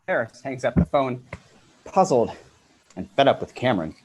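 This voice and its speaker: Husky narrator reading stage directions briskly at a casual table read. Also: male voice, mid-range voice, big pitch swings, a little mellow, low-quality recording. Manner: brisk, matter-of-fact. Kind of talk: unrehearsed script read-through.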